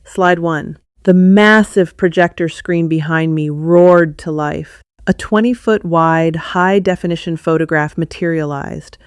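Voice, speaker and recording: A woman giving a measured, cool first-person narration of a scripted story. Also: deep voice, smooth, no room sound, studio quality.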